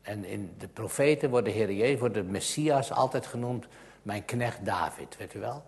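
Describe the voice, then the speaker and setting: A man preaching a sermon and reading from the Bible, growing emphatic and louder on scripture and dropping to a hush at times. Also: on the low side, expressive, normal speed, vocal fry.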